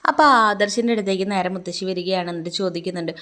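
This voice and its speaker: A woman's voice: fairly low pitch, fairly bright tone. A woman narrating a casual recap of a TV serial episode, retelling what the characters say to each other. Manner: rapid storytelling that quotes characters' lines.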